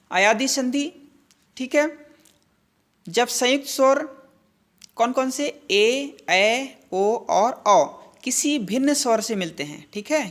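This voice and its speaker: A woman teaching a grammar lesson, asking questions and answering them herself, with frequent check-ins to her listeners. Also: a little high. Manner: slow, deliberate spelling-out of sounds. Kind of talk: classroom-style grammar lesson.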